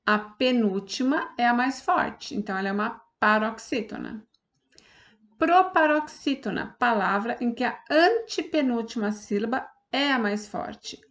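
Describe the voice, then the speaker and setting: A woman's voice: fairly high pitch, lively intonation, measured pace, fairly bright tone. Patient Brazilian woman teaching a class. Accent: Brazilian Portuguese. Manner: patient, explains step by step with frequent checks. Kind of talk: online class lesson.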